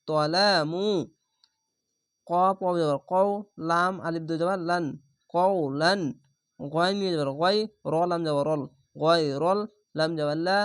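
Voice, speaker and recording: Slow, methodical male Quran teacher. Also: a little high, smooth, no room sound, clean studio sound. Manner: spells out syllables slowly and methodically; patient explanatory teaching. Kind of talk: Quran spelling lesson.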